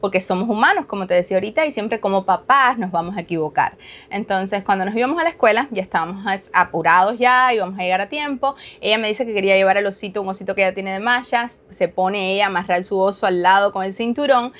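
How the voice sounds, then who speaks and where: A woman in her thirties, a behavior analyst speaking as a guest, telling a personal story in an animated, lively way. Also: medium pitch, fast talker. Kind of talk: casual interview storytelling.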